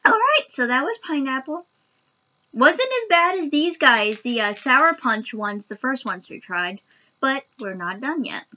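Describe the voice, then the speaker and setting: A young woman vlogs casually while eating sour candy, her voice fairly high and sharply bright. She talks to a webcam in a small room at home, and the sound is a bit dull and lo-fi. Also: lively intonation, a little slow. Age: young adult. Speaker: vlogger doing a candy taste challenge. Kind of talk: casual chat to camera. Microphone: webcam at arm's length.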